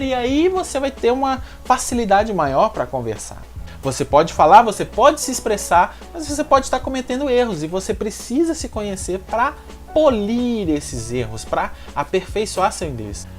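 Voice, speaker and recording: A lively, energetic YouTuber from Minas Gerais, Brazil, offers language-learning tips in a direct-to-camera advice vlog, speaking straight to the viewer. His voice is high-pitched with a Mineiro Brazilian Portuguese accent, and he talks at a moderate pace with faint music in the background.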